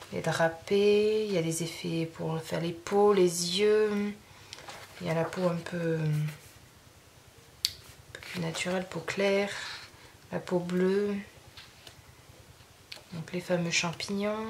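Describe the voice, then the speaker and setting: A woman's voice: fairly low pitch, gravelly, slight background noise. A French woman chatting casually through an art-supply haul video, rambling with many fillers and restarts. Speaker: craft youtuber showing art supplies.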